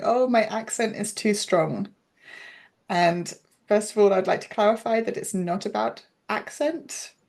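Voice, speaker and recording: A woman who works as a pronunciation coach is a guest in a casual interview, thoughtfully explaining her teaching at length. Her voice is medium-pitched, creaky and darkish.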